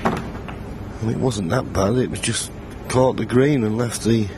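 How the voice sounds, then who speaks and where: A man giving understated snooker commentary in a measured, explanatory way. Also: lowish voice, steady tone. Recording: noisy arena with clear crowd sound.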